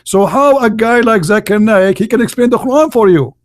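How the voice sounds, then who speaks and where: A live-stream host whose first language is Arabic debates callers in heated religious talk, speaking English with an Arabic accent and a slightly higher-than-usual pitch. He is brisk, pointed, and mocking, repeating points for emphasis, and his grammar slips as a non-native speaker's does.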